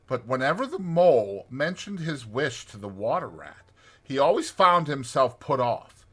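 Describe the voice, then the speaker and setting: A man narrating a classic storybook in an expressive, theatrical audiobook style. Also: medium pitch, a little slow, husky.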